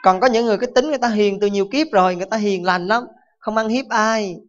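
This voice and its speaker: A Buddhist monk giving a dharma talk, full of animated stories and rhetorical questions to his listeners. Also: sits high, quick pace. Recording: dull lo-fi recording.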